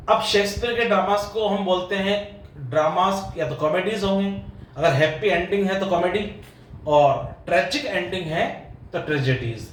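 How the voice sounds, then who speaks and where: A man's voice: a little high, fairly bright tone. A man with an Indian English accent, an English literature professor giving an exam-prep lecture, patiently explaining and repeating pronunciations. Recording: echoey room with faint ambient noise.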